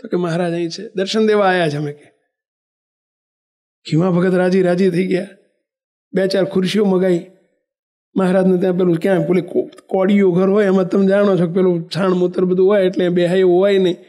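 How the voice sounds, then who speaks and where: A man from western India, preaching a devotional sermon as an animated storyteller who acts out the characters' dialogue and chants verses. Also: high-pitched, a little fast. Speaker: religious preacher.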